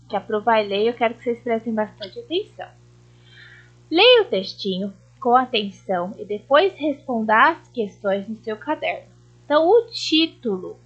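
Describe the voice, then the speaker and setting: A Brazilian woman teaching young children a remote lesson, explaining slowly and patiently with lots of tag questions. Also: fairly high pitch. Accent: Brazilian Portuguese. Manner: slow, patient, sing-song explaining with frequent tag questions. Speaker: primary school teacher. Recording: slightly dull lo-fi audio.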